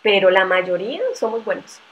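A woman's voice: mid-range voice, steady tone, normal speed, a bit bright, rough recording. Woman host with faint background hiss. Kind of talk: casual conversation.

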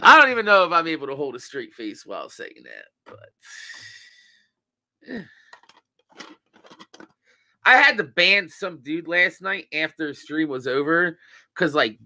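A man's voice: fairly high pitch, sing-song, unhurried, pauses often, sharp tone, no room sound. A young man with a groggy morning voice, chatting casually to his live-stream viewers in a laid-back, rambling way with plenty of swearing. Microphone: desk mic.

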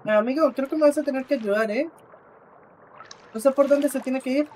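A man giving casual live commentary while he plays, talking to the game character and to his viewers, swinging between exclamations and low muttering. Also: a little fast, darkish tone, slight background noise. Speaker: streamer.

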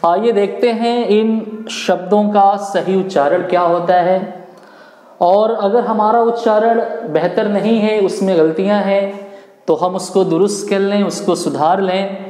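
A man teaching English pronunciation, speaking slowly and deliberately and repeating each word many times. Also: sits high, fairly even intonation, darkish tone. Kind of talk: classroom-style pronunciation lesson. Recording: echoey room with long reverb.

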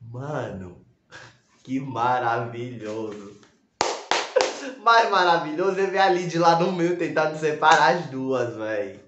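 A man giving an excited, campy gossip recap, switching into put-on voices. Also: on the high side, slow, slight background noise. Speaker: gossip vlogger. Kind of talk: excited reality-show recap. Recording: echoey room, slightly dull sound.

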